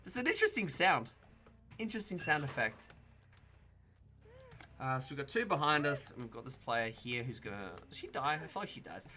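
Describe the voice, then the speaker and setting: A young Australian YouTuber from Tasmania commentates casually on his own gameplay in a medium-pitched voice, talking a little fast but with long pauses. Relaxed, he talks to himself and the players and swears mildly now and then.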